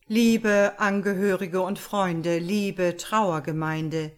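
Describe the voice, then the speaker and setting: A woman voicing a solemn male pastor at a funeral, speaking slowly and sonorously. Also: lowish voice, steady tone. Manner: slow sonorous sermon delivery. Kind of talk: audiobook character voice.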